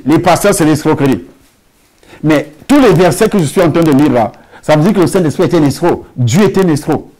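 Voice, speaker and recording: Man, pastor, preaching, slightly raised pitch, emphatic, rhetorical questions. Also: a little mellow. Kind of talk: sermon with a testimony. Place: church hall.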